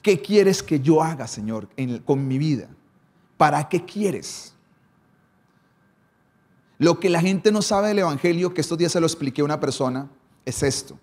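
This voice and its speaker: A pastor preaching a sermon. His voice sits a little high for a man. He moves between quick runs and slow, weighty lines, often stopping on a rhetorical question. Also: a little mellow. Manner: preaching, varied emphasis and pace, rhetorical questions.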